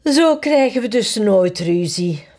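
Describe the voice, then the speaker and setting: A woman's voice: medium pitch, animated, slow pace, darkish tone. A woman reading a storybook aloud and voicing a jolly, easily amused king. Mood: cheerful. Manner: cheerful, amused. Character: jolly easygoing King Bobbel.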